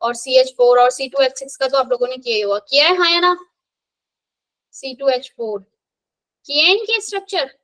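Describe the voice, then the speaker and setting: Brief: high-pitched woman, brisk classroom chemistry teacher, quizzing and counting aloud. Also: a bit bright, low-quality recording. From India. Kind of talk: live classroom revision lesson.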